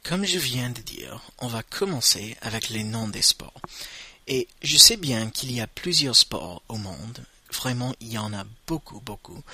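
A man's voice: mid-range voice, pushed and bright, slightly rough. A man teaching vocabulary in a patient lesson, saying each word and repeating it for learners to echo. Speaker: language teacher. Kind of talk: slow spoken language lesson.

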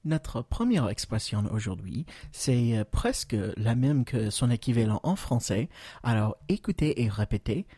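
An American man hosts a podcast lesson in a dark, mellow voice. He talks patiently, pausing often on fillers and slowing down for model phrases. The recording is close and dry, with no room sound. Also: medium pitch, big pitch swings, breathy edge, no echo. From United States. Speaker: English teacher, podcast host.

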